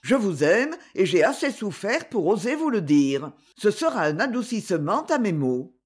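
A woman's voice: mid-range voice, big pitch swings, moderate pace, slightly rough. A lovesick young man speaks earnestly and sorrowfully, in a voice that rises and falls widely, as a female reader does him. He sounds resigned, like a hero in an old storybook.

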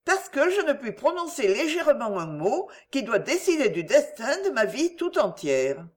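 A woman's voice: high-pitched, very animated, normal speed, voice pushed up. A woman voicing a shy, troubled young woman torn by love, speaking with restrained, trembling earnestness in a storybook reading. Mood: emotional.

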